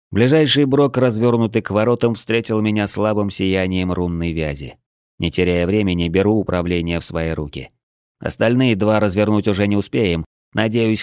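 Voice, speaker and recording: Low-voiced male audiobook narrator, dry. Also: a little mellow, smooth, dry recording. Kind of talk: first-person fantasy audiobook narration.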